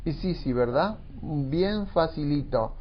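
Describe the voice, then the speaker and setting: A man teaching an English grammar lesson in Spanish, explaining slowly and repeating phrases, with English examples mixed in. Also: a little high, lively intonation, muffled recording, a little hiss or hum.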